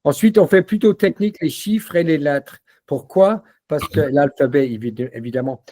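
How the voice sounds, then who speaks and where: A man demoing a language-learning platform in a casual walkthrough, relaxed and full of fillers. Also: fairly high pitch, moderate pace. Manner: relaxed, repeats words, many fillers.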